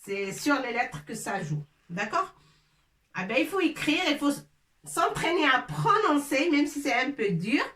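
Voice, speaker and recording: A woman's voice: high voice, very animated, measured pace, a bit bright. Echoey woman teaching Arabic letters. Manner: patient, repeats sounds, mixes French and Arabic. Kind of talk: classroom lesson. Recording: echoey room, from a distance.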